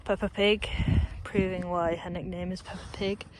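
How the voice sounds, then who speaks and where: A woman's voice: lowish voice, flat delivery, moderate pace. Chatty young woman vlogging outdoors. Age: young adult. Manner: chatty, rambling, joking asides. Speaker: vlogger at a horse yard. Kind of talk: casual vlog narration. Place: outdoor stable yard. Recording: outdoor background noise.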